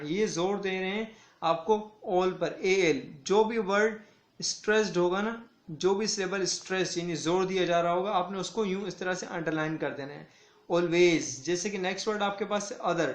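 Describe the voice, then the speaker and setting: Male schoolteacher, fairly high voice, slow deliberate drilling of words; echoey room. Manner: slow, deliberate word-by-word reading and repetition. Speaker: school English teacher. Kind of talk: online classroom lesson.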